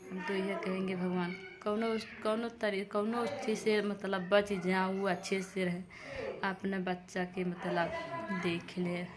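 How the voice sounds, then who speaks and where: A woman's voice: medium pitch, flat delivery, slow. A woman vlogger, pleading with her viewers again and again in casual talk. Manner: pleading, repetitive, addresses viewers as friends. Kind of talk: casual direct-to-camera vlog talk. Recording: noisy ambience behind.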